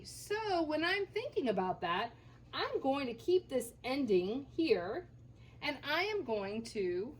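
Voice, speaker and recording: A woman teacher leading a children's phonics lesson, sounding out letters slowly and encouragingly. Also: high-pitched, a little hiss or hum.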